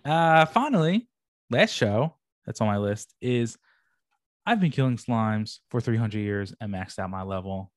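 A man's voice: on the low side, lively intonation, unhurried, no room sound, clean studio sound. A young man co-hosting a podcast, chatting casually and animatedly with lots of slang and casual swearing. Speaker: podcast co-host. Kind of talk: casual chat reviewing anime.

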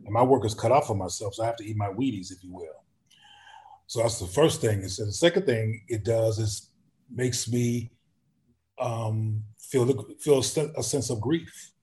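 A man's voice: fairly low pitch, moderate pace, a little mellow. Reflective man with frequent restarts. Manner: reflective, frequent restarts, acts out questions he asks. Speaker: activist guest. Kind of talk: conversational interview.

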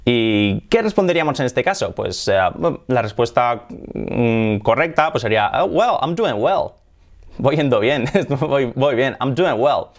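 A man's voice: mid-range voice, expressive, unhurried. A man with a Spanish accent from Spain giving a casual lesson, chatty and laughing often, lifting his voice to model phrases. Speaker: English teacher.

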